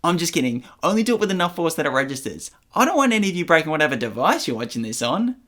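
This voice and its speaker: A man's voice: fairly high pitch, sing-song, very fast, fairly bright tone. A young man in a comic vlog, goofy and self-mocking, recorded on a phone in his bedroom. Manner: goofy, self-mocking, tries silly voices. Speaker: comedy video creator. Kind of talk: comic vlog and audition practice. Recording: music bed underneath.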